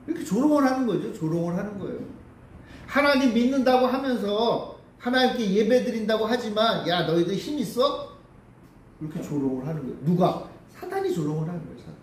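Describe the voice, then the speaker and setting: A male pastor delivers a sermon in a slightly high voice, posing rhetorical questions and repeating his points. The sound is roomy, with the mic some way off and a faint hiss behind. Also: darkish tone, distant mic. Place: church sanctuary.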